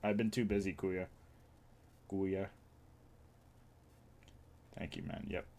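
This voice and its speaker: A man's voice: sits low, level tone, slow pace, a little mellow. Joking young man streaming from home. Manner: joking, teasing, reads chat aloud. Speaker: livestreamer. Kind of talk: casual live-stream chat.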